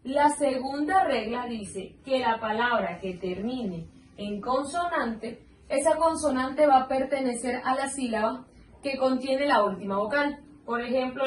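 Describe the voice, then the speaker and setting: A woman teacher giving a lesson. She is patient and sounds words out slowly, syllable by syllable. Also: high voice, darkish tone. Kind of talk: slow explanatory lesson. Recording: roomy echo, mic at a distance, faint background noise.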